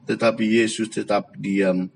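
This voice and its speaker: A man leading a worship service and reading a scripture passage in a slow, deliberate, reverent way. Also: on the low side, flat delivery, creaky, darkish tone, a little hiss or hum.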